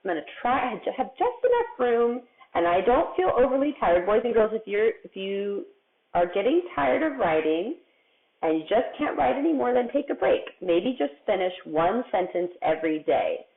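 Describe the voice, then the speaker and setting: A woman teaching a remote kindergarten writing lesson, patient and slow, stretching out the sounds of words for young children. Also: a little high, big pitch swings. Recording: tinny phone-like audio.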